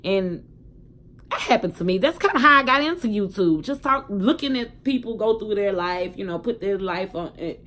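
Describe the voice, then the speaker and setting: A young woman, telling her personal story to a phone camera in a candid, emphatic way, swearing freely and swinging between loud outbursts and quiet reflection. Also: medium pitch, expressive, moderate pace. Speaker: vlogger.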